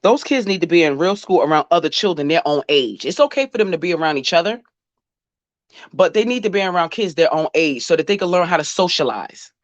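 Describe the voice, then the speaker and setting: A woman's voice: lowish voice, lively intonation, a little fast, dry recording. A woman vlogger giving blunt, profane, scolding commentary, talking straight to the person she is criticizing. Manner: blunt, scolding, profane, addresses the subject directly. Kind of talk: casual reaction commentary.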